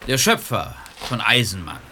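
An actor playing an eccentric, grandiose and mysterious inventor in an audio drama, with theatrical, drawn-out pronouncements. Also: male voice, on the low side, animated, sharp tone, slight background noise. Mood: inquisitive, mysterious. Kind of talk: German audio drama acting.

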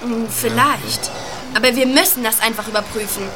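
Spirited young girl for audio drama, adult actress, high-pitched, eager, polite, clear noise behind. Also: moderate pace, close to an everyday voice. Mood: earnest. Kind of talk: German audio drama acting.

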